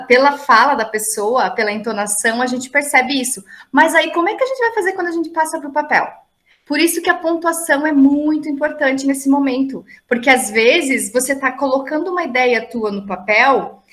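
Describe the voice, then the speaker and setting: A woman's voice: high voice, a bit bright. A woman teacher explaining a lesson over a video call, chatty and full of tag questions and fillers. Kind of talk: online class explanation.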